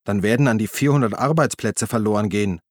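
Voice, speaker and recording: A man voicing a gruff, irritated grown man in an audiobook, speaking curtly and grumbling. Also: on the low side, fast talker, no echo, clean studio sound, close to an everyday voice. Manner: curt, grumbling. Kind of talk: audiobook reading.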